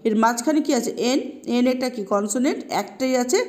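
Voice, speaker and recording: A woman's voice: a little high, a little fast, darkish tone. A woman teacher explaining English grammar patiently, repeating points and asking checking questions. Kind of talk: classroom explanation.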